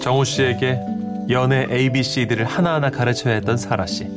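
A man narrating a story in a gentle storytelling manner. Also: medium pitch, steady tone, fairly quick. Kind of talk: scripted narration. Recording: soft guitar music behind.

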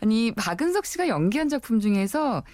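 A woman's voice: on the high side, big pitch swings, fairly quick, a little mellow, no room sound, studio quality. A woman hosting a radio show, interviewing a guest in a casual conversational style. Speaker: radio host.

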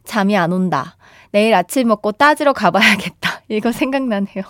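A woman radio DJ chatting and reading listener messages, animated and laughing often, on a close studio mic. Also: medium pitch, normal speed, no echo.

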